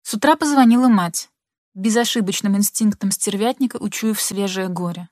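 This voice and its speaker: A woman narrating a literary audiobook in an expressive, measured manner. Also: medium pitch, no room sound, studio quality.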